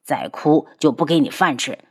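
A cold, cruel ghost doctor from a storybook, his voice pushed low and sneering, as a woman narrator puts him on. He menaces with every word and lets his threats hang. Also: moderate pace, darkish tone, breathy edge. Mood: menacing.

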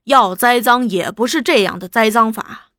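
A woman's voice: a little high, normal speed, pushed and bright, no echo, studio quality. A woman playing a scornful male prisoner. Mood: scornful calm. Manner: scornful, indignant. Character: defiant male underground leader, scornful and calm.

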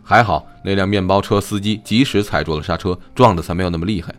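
A man voicing a male doctor who talks in a brisk, matter-of-fact, reproachful way. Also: sits low, soft background music, close to an everyday voice.

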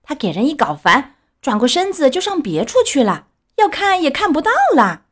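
A woman voicing a gang of rude, mocking schoolboys in a storybook reading, shrill, jeering and shouty. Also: sing-song, moderate pace.

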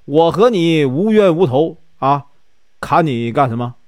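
A man's voice: on the high side, expressive, a little slow, no room sound, clean studio sound. A man voicing a proud, down-on-his-luck warrior who speaks firmly. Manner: firm, proud.

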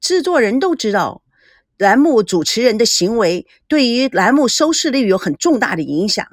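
A woman narrating a novel in an expressive storytelling manner. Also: on the high side, normal speed, dry recording, clean studio sound.

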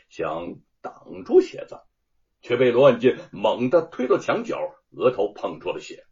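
A man narrating a dramatic audiobook story in a vivid, expressive manner. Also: medium pitch. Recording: dull lo-fi audio.

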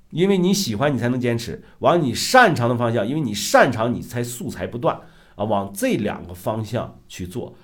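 A middle-aged man teaching in a relaxed, chatty way, tossing in rhetorical questions. His voice sits at an ordinary pitch but swings widely up and down as he stresses points. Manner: lively, emphatic, rhetorical questions. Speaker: self-media coach, show host. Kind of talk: casual talk-show lecture.

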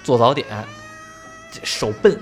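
A man's voice: mid-range voice, lively intonation, a little slow, faint music behind. A man telling a story in casual chat, swearing freely and laughing along.

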